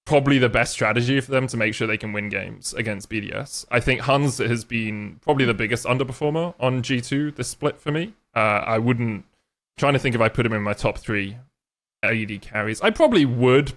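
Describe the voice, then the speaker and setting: A man's voice: mid-range voice, moderate pace, a bit bright. A man co-hosting an esports podcast, giving rambling, wry analysis with dry jokes. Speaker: podcast co-host. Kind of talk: casual esports chat.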